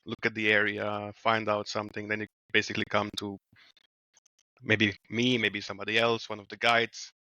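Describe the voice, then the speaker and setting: A man's voice: lowish voice, normal speed, no room sound, highs cut off. A man in his twenties from Slovenia with a Slovenian accent, telling stories as a guest in a casual interview over a headset video call. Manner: relaxed, laughs often, trails off mid-sentence. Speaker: guest, wilderness guide. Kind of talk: casual storytelling. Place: small room at home. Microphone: headset mic on a video call.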